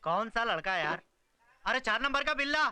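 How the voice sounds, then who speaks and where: An actor playing a tea stall owner who answers evasively. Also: male voice, very high voice, very animated, moderate pace, pushed and bright, clean tone, heavily acted.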